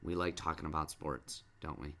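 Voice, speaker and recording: A man's voice: extremely low pitch, fairly even intonation, moderate pace, creaky, sharp tone. A middle-aged man hosting a casual sports podcast with his child, patiently asking question after question and coaxing answers. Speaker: podcast host and dad.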